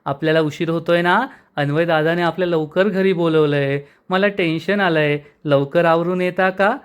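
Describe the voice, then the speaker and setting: A man voicing a hurried, flustered young wife in a retold serial, talking impatiently. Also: fairly high pitch, fairly even intonation, clean tone, close to an everyday voice. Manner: impatient, fretful.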